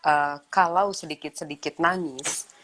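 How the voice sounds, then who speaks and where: A woman's voice: sits low, fairly even intonation, a little slow, fairly bright tone, slight background noise. A woman in her thirties, a mother talking in a casual chat about raising children, often acting out quoted dialogue. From Indonesia. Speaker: guest speaker.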